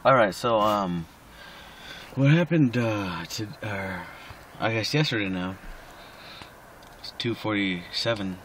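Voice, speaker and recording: A man's voice: lowish voice, slow pace, long pauses, fairly bright tone, slight background noise. A drunk man rambling casually in a personal recording, slightly slurring and losing his thread.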